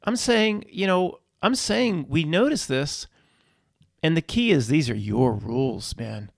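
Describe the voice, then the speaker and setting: Guy with a raspy fry voice going off on a fired-up spiritual rant, cussing, tripping over his words. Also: fairly high pitch, expressive, no room sound, studio quality. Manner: fervent, defiant, swears at unseen rulers; halting, many restarts and repeated words. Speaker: channel host. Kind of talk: ranting spiritual monologue.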